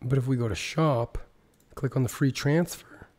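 Hosting a casual gaming news video, this man is clearly ill, his sore throat leaving him hoarse, strained and close to voiceless, sometimes dropping to a whisper. He speaks at medium pitch and a moderate pace, with a darkish tone.

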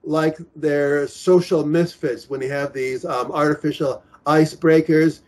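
A man's voice: on the high side, fairly even intonation, a little slow, a little mellow. A man in his forties organizing singles events, talking in a casual video call with many restarts and fillers. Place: small room indoors. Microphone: laptop webcam on video call.

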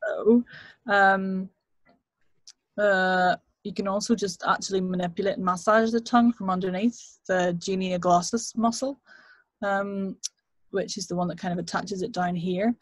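A British woman works as a voice coach on a video call, lively as she demonstrates vocal exercises into her home studio mic. She speaks at normal speed with a medium pitch, and no room sound is audible.

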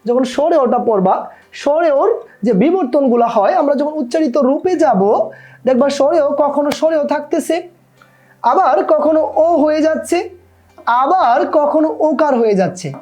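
A woman's voice: sits high, animated, a little slow, darkish tone. A woman with a Bangladeshi Bengali accent teaching a grammar lesson to students, repeating key terms and quizzing the listener with questions.

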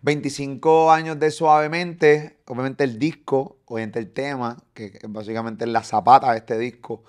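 A man, hosting with crude, slangy banter and quick reactions. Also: mid-range voice, steady tone, clean tone. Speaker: podcast host. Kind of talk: casual interview chat. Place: studio set with yellow chairs. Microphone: boom studio mic.

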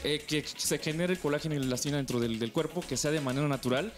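A man's voice: fairly high pitch, fast talker, soft background music. A man, a cosmetologist guest, explaining a skin treatment confidently and often saying he agrees. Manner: confident, explanatory, repeats "así es". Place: TV studio set.

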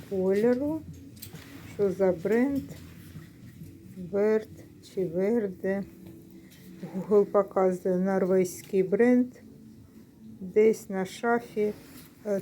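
Casual vlog commentary comes from a middle-aged woman browsing secondhand clothes indoors at a secondhand shop. Her medium-pitched voice is mellow, with slight background noise, and she explains each item unhurriedly, correcting herself mid-word.

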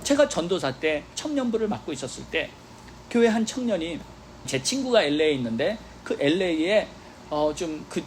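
Lively Korean pastor preaching a sermon. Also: male voice, sits high, slight background noise. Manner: animated storytelling preacher with exclamations and quoted dialogue. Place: church sanctuary.

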